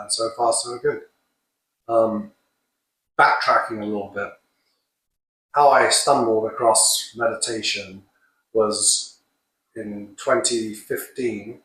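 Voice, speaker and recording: A man in his fifties talks in a low, fairly flat voice, relaxed and unhurried, pausing often and reaching for filler words. He sounds set back from the microphone in a roomy space with echo around him. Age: 50s. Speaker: creator of a crowdfunded project. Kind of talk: casual personal introduction. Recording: roomy echo, mic at a distance.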